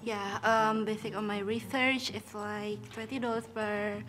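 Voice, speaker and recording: A young woman with a middle-pitched voice speaks thoughtfully, pausing now and then. It sounds like a relaxed studio interview. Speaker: international student. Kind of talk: casual interview answers.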